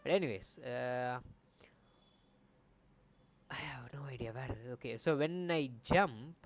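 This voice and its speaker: A young man speaks slowly in a mid-range voice as he streams his game-building session from a desk mic. His casual coding commentary meanders, with thinking aloud and frequent self-correction.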